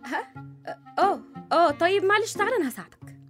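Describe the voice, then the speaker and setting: A woman's voice: extremely high pitch, lively intonation, fast talker, a bit bright, soft background music. A woman in her twenties with an Egyptian accent playing a dramatic, complaining young wife. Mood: exasperated. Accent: Egyptian Arabic. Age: 20s.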